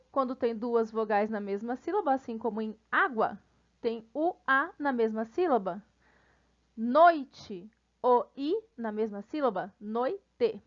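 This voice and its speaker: A woman teacher with a Brazilian Portuguese accent gives a recorded grammar lesson in a high voice, with the highs cut off. She's friendly and casual with her students and slowly spells out syllables.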